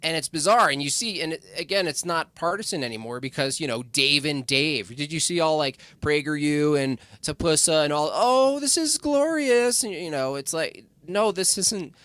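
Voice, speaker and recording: Man, fairly high voice, rambling casual chat, halting, dry close sound. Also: sharp tone, dry recording. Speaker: guest. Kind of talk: casual podcast discussion.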